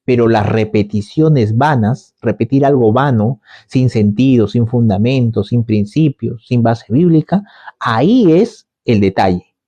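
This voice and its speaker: Mellow-voiced man preaching a sermon. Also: medium pitch, a little slow, highs cut off. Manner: conversational, repetitive phrasing with rhetorical questions.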